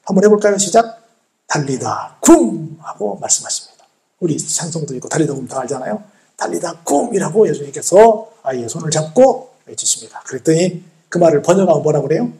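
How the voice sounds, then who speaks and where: Animated high-voiced male pastor. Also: quick pace. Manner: animated storytelling, acting out speakers, asks congregation questions. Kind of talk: sermon. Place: church.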